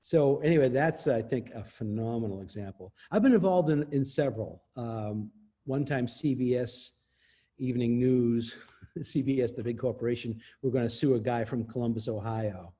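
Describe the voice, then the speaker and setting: A man with a dark, husky voice speaks as an interview guest. He explains things emphatically, with frequent laughs. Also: mid-range voice, normal speed. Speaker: interview guest, copyright expert. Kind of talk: explanatory casual talk.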